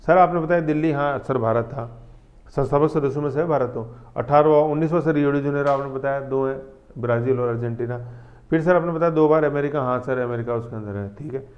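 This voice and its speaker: A man's voice: mid-range voice, fast. A man teaching an exam-prep lesson from a map, coaxing the class along with tag questions and counting aloud. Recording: muffled lo-fi recording.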